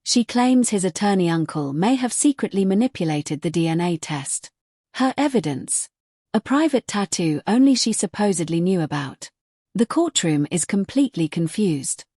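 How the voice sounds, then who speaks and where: A woman's voice: fairly low pitch, expressive, normal speed, dark tone, husky, no room sound, studio quality. A woman narrator reading a scripted, dramatic recap.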